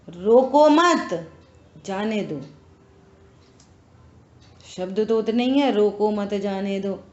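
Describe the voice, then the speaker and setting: A woman teaching a religious scripture class, explaining slowly and earnestly with rhetorical questions. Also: medium pitch, dark tone. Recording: echoey room, dull lo-fi sound.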